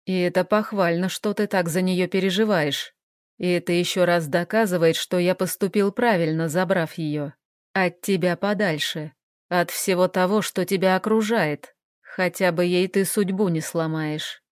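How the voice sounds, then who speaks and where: A woman voicing a menacing, calm middle-aged man who speaks slowly and mockingly. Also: clean tone, no room sound, clean studio sound, close to an everyday voice. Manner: slow, low, sneering.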